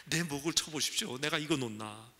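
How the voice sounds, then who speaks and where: A man's voice: a little high, brisk, pushed and bright, long reverb tail. A man doing a stubborn, battered young man. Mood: defiant. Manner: defiant, then pleading and rueful. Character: stubborn young man wrestling an angel, later battered and grumbling.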